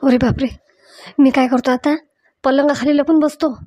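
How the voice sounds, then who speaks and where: A woman's voice: high voice, fairly even intonation, dark tone, no room sound, dull audio, close to an everyday voice. Pappu, woman playing a cowardly village son. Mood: panicky. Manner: bragging then panicky, fast whining.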